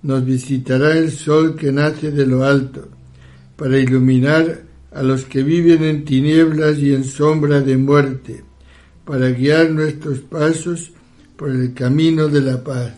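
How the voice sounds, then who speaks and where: A man leading a liturgical prayer in a solemn, measured recitation. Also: on the high side, steady tone, a little mellow.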